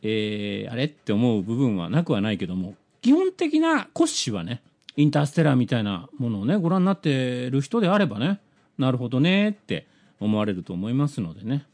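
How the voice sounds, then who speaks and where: Male streamer, Hiroshima accent, mellow tone, very animated pitch, casual storytelling. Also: a little fast. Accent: Hiroshima Japanese. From Hiroshima, Japan. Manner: animated storytelling, acts out quoted conversations. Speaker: streamer answering viewer messages. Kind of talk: casual live stream chat.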